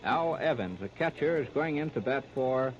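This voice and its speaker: An animated American man with a medium-pitched voice calls baseball at a moderate pace, clipped and running in the manner of 1930s radio, with a crowd in the background. It comes from a muffled, very noisy 1939 radio disc.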